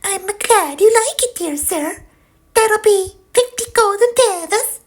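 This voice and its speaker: A man voicing young adult female raptor sisters in a storybook tale, in a high squeaky falsetto. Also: animated, slow, heavily acted. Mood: polite. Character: young adult raptor sisters, polite noble and chatty painter.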